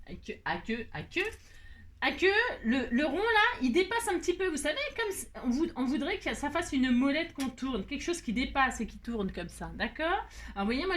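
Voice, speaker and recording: A woman's voice: high voice, slight background noise. Chatty self-mocking woman crafter. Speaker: craft tutorial host. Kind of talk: casual crafting tutorial.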